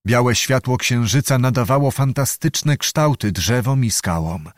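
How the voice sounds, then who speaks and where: A man narrating a literary audiobook in a measured, steady storytelling manner. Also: medium pitch, no room sound, clean studio sound.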